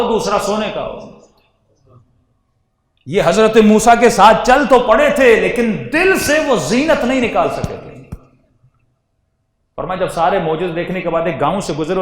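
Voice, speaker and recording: High-voiced preaching man in echoey hall. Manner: rises from quiet to loud emphatic preaching. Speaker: religious scholar. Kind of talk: sermon. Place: large hall. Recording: echoey hall, heard from far off.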